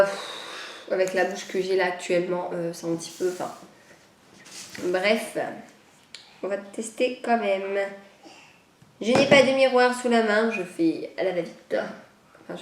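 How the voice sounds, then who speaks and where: A woman's voice: mid-range voice, steady tone, moderate pace, echoey room, slight background noise. A woman chatting casually in a vlog, a little nasal after a cold, rambling and hesitant with many fillers. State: recovering from a cold. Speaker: vlogger. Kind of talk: casual chat.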